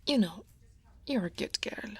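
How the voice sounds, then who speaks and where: A woman from Italy, speaking with an Italian accent, plays a guarded, workaholic senior coworker who is a dragon woman in an ASMR roleplay. Her medium-pitched voice is soft and often whispered, animated yet a little slow and slightly rough. The mood is wistful, wry and self-deprecating, with sighs and soft laughs.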